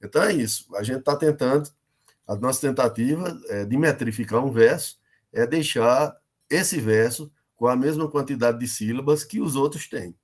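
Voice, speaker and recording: A man's voice: mid-range voice, moderate pace. A middle-aged man with a Brazilian Northeastern accent, teaching an online lesson on poetic meter and checking in with his students often. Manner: explanatory, many fillers and checks like "né?" and "beleza?".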